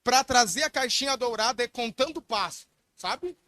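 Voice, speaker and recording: Brief: emphatic male preacher, repetitive and dramatic, high voice. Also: expressive, normal speed, sharp tone, dry recording, studio quality. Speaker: pastor. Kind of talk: sermon.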